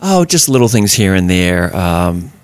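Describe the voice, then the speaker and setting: Man, podcast host, easygoing storyteller, fairly deep voice, dry recording. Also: big pitch swings, a little slow, dry recording. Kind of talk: casual podcast chat.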